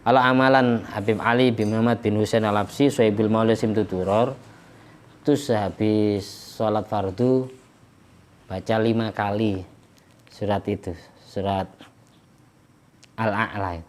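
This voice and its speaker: A man's voice: on the low side, steady tone, a little slow, long pauses. A man, an Islamic preacher, explaining worship practice plainly and chanting verses in Arabic during a religious study lecture.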